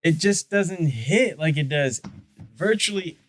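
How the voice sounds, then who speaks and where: A man's voice: a little high, animated, unhurried, slight background noise. A man co-hosting a podcast in casual debate chat, blunt, heated and profane. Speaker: podcast co-host.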